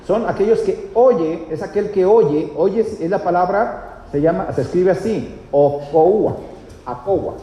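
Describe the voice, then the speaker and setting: A man's voice: high voice, dark tone. A male pastor, teaching a sermon and often checking with the congregation. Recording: echoey church hall, faint noise.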